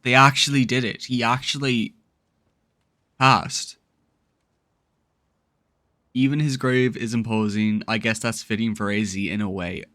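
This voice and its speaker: Bright-voiced excitable young man gaming. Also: mid-range voice, a little slow, pauses often, no room sound, studio quality. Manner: excitable, emotional reactions to the game. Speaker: gaming YouTuber. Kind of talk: gameplay commentary and recap narration.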